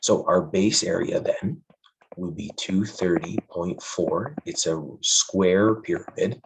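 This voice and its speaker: A man's voice: low voice, slow, creaky, background noise. A male math teacher, losing his voice, explains a lesson in a friendly way and stresses the key points to his students.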